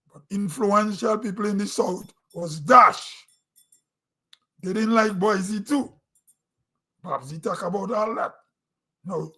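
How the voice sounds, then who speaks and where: On his own online show, a middle-aged Grenadian man with a matching accent offers a loose, chatty opinion monologue, clearing his throat and starting sentences over. His voice is high, bright and forceful.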